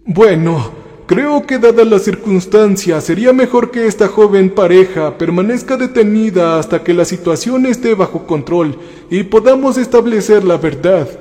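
A man's voice: sits high, lively intonation, normal speed, mellow, in a large hall. A man voicing a village pastor who addresses an angry crowd in a narrated horror story. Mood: hesitant. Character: solemn male village pastor calming a mob.

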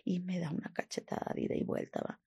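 A woman with a northern Mexican accent giving personal testimony, halting and often sinking to a whisper. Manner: hushed, often dropping to a whisper, frequent tag questions; halting, with repeated restarts.

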